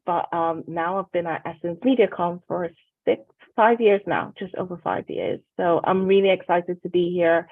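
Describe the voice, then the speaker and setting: A woman's voice: fairly low pitch, dry recording. A woman eagerly introducing herself as a panelist on a video call. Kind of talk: casual self-introduction. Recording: dry, tinny phone-like call audio.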